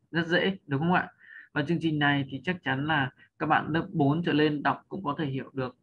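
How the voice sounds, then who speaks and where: A man's voice: fairly high pitch, dull audio, a little hiss or hum. A man teaching English pronunciation in a patient spoken lesson, often checking in with his listeners and drawing out model sounds for them to repeat. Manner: draws out and lifts model sounds for learners. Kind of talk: spoken lesson explaining over slides.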